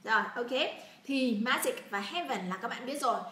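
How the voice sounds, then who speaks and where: A woman's voice: fairly high pitch, normal speed, bright, forceful tone, reverberant, a little hiss or hum. A woman from Vietnam teaching an English pronunciation lesson, repeating words and prompting her learners to say them aloud.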